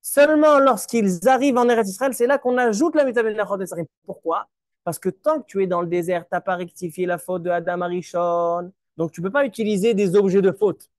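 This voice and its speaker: A man's voice: sits high, darkish tone, no echo, studio quality. A man, a rabbi giving a Torah lesson, who explains step by step, asks and answers his own questions, and mixes Hebrew terms into his talk. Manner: repeats words while searching for them.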